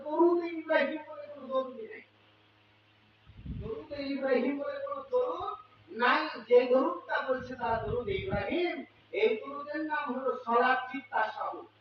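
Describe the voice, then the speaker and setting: A male preacher with a Bangladeshi Bengali accent giving a fiery sermon. He shouts rhetorical questions at the crowd and chants Arabic prayers melodically. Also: very high-pitched, background noise. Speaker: Islamic preacher. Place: religious gathering. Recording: echoey distant hall, lo-fi and dull.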